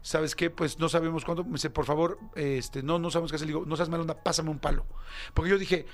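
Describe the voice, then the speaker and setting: A Mexican man with a Mexican Spanish accent telling a story casually, full of slang and jumping into high acted-out voices. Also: fast. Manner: animated, slangy, acts out other voices with big pitch jumps. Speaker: podcast host.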